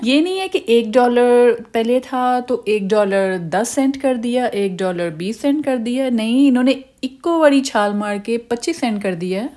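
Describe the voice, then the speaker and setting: A woman, chatting through a casual shopping vlog voice-over and explaining items with frequent pauses. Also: mid-range voice, a little mellow. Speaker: shopping vlogger.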